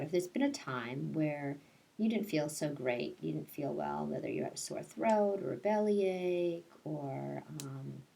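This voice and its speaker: With a low-pitched, dark voice and some vocal fry, a woman teacher reads a picture book to kindergarteners. She breaks off for casual asides, explaining things in simple terms for the young children.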